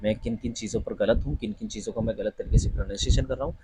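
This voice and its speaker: A man's voice: medium pitch, very animated, very fast, creaky, background noise. A young man teaching an online lesson on pronunciation for job interviews, patiently repeating each word and checking in with his students. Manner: patient, repeats words and asks "ठीक है ना?". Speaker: teacher coaching interview candidates.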